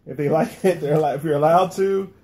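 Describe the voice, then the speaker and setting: A middle-aged American man with a slightly high voice hosts a casual review at a table. He repeats phrases as he chats, over audible background noise. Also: fairly quick, dark tone. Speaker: food review host. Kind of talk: casual chat. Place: small room indoors, at a table. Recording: clear background noise and clicks.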